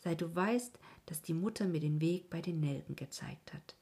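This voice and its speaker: A woman's voice: sits low, normal speed, slightly rough, heavily acted. Wiseli, a woman reading an eager little girl. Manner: eager, soft and earnest. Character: eager, wonder-struck little orphan girl.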